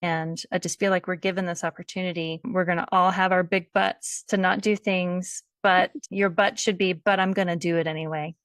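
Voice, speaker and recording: Relaxed woman host explaining astrology. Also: on the low side, normal speed, few pauses, no room sound, clean studio sound. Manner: relaxed, explanatory, thinks aloud with fillers. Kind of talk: casual conversation.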